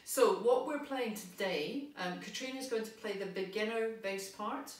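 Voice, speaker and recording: A woman's voice: mid-range voice, normal speed. A woman music tutor giving cheerful, encouraging step-by-step instructions to young players. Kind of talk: friendly instructional talk. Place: unfamiliar large venue. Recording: echoey venue, voice from a distance.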